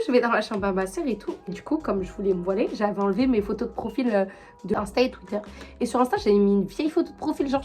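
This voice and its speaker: Young woman vlogger, high voice, rambling slangy storytelling, soft music underneath. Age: young adult. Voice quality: high-pitched. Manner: chatty, animated, full of fillers and slang. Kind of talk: casual storytelling to camera.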